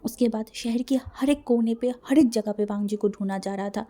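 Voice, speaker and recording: A woman's voice: a little high, normal speed, dark tone. A woman narrating a fan-fiction story in a dramatic way, mixing in English words.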